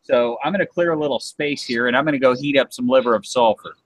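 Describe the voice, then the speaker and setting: Man narrating his own metal work, casual chat, mid pitch, dry close sound. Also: fast, no room sound. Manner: talks through what he is doing. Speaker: silver pourer. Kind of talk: casual live stream chat.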